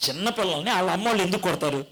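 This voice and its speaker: A man's voice: high voice, rapid-fire. A man preaching a sermon, telling stories and acting out the people in them. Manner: animated storytelling, acts out quoted voices. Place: church gathering.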